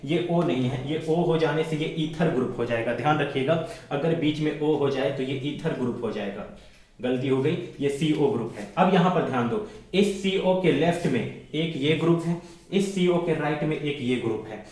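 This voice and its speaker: A man's voice: on the high side, moderate pace, darkish tone. A man teaching a chemistry class, explaining step by step, repeating key terms and checking that his students have understood. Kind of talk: classroom lecture. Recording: very echoey room.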